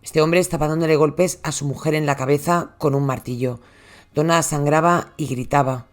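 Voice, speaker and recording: A true crime host with a Spain Spanish accent giving a scripted narration, dropping the voice low on tense details. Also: fairly even intonation, normal speed.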